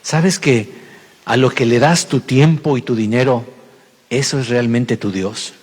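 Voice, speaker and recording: A man's voice: mid-range voice, a little slow, slightly rough. A male pastor, preaching a sermon and telling the story with acted-out voices. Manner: lively storytelling, acting out dialogue. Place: church. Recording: long hall reverb.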